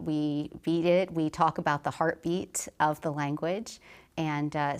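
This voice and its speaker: A woman speaking briskly and matter-of-factly in an interview. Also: sits low. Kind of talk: interview talk.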